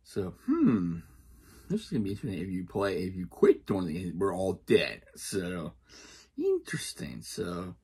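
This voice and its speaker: A young adult man giving casual reaction commentary as a video host, with a husky voice and halting, repetitive phrasing. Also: low-pitched, animated, mellow. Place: small indoor room at home.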